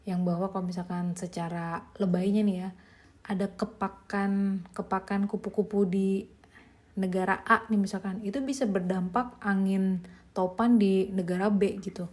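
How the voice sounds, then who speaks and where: A woman's voice: medium pitch, fairly even intonation, normal speed, a little mellow. A young woman, a mother, chatting casually as a podcast host reviewing a book, informal and easygoing with light laughs.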